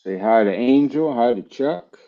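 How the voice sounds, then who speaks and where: A man from Texas hosting a live comic book sale stream, talking in a relaxed, chatty way with many fillers. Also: mid-range voice, unhurried, highs cut off. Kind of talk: casual live-stream sales chat.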